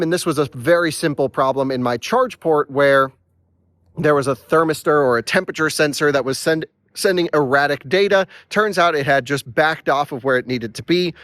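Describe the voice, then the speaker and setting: A man's voice: a little high, a bit bright, no room sound. A man hosting a casual explainer vlog, chatty and restarting words, talking through the hiccups. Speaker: channel host.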